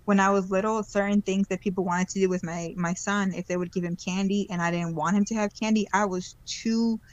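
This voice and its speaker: A woman's voice: medium pitch, steady tone, brisk, no room sound, dull audio. A woman in her twenties, a podcast guest, speaking reflectively and hesitantly, with many ums and restarts. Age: 20s. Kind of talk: casual conversational interview.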